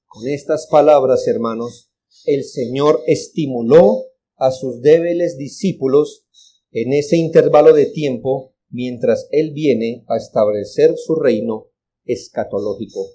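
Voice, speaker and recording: A man's voice: mid-range voice, measured pace, dark tone, slightly rough. A male pastor with a Colombian accent preaching an earnest, exhorting sermon and repeating words for emphasis. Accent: Colombian Spanish.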